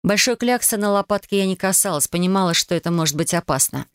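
Мужчина размеренно читает аудиокнигу. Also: male voice, sits high, expressive, fast, fairly bright tone, smooth, no echo, clean studio sound. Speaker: audiobook reader. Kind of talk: fantasy audiobook narration in first person.

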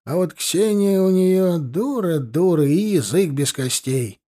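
A defensive older villager in his sixties, grumbling and muttering, as a man reads him aloud. The voice sits higher than the reader's own and stays husky and lively. He talks at length, snapping back when pressed. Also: unhurried.

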